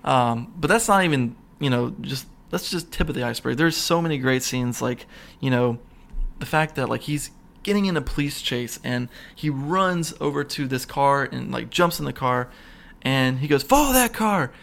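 A man's voice: mid-range voice, normal speed, creaky, fairly bright tone. A man hosting a podcast, chatting casually about comedy movies, rambling with lots of fillers and restarts, chuckling as he retells scenes. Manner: laughs while retelling scenes. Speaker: podcast host.

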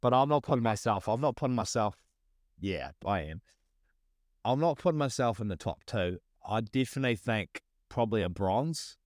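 A man's voice: on the low side, expressive, normal speed, dry recording, clean studio sound. A man with a broad New Zealand accent chatting casually, rambling and repeating his phrases in slangy talk. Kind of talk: casual chat.

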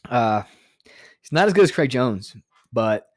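A man talks through his podcast, heartfelt and emotional one moment and teasing the next. His voice sits in a middle pitch and is recorded close and dry, with no room sound around it. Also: very animated, slow pace, dry recording. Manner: earnest and emotional, with joking sarcasm. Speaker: podcast host. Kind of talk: casual monologue.

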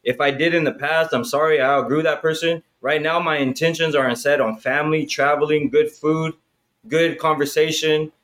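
A man's voice: a little high, fairly even intonation, normal speed, fairly bright tone. A man in his thirties talking in a casual chat, profane and hyped, filling his talk with "bro" and "right?". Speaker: podcast guest.

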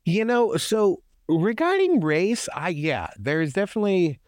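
A man's voice: sing-song, measured pace, darkish tone, no echo, studio quality. A man co-hosting a casual film podcast, chatty and full of fillers. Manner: wide-swinging pitch, chatty with fillers. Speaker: podcast co-host.

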